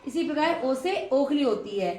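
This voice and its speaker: A woman's voice: sits high, expressive, normal speed, a little mellow. A woman teacher giving a classroom lesson, patiently prompting her students with questions and praising their answers. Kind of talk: classroom lesson on Hindi vowel signs. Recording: echoey room with faint noise.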